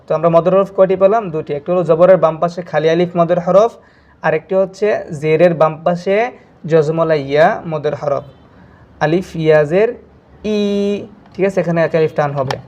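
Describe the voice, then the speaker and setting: A man teaching Quran reading, slowly spelling out letter combinations, then briskly explaining the rules to his students. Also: fairly high pitch, darkish tone. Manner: slow syllable drills, then quick explaining asides. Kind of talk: spelling-out recitation lesson.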